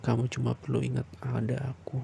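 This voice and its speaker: A man doing a soft, soothing bedtime boyfriend roleplay in a close, intimate way, sometimes slipping into a breathy whisper. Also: mid-range voice, completely flat delivery, brisk, slight background noise.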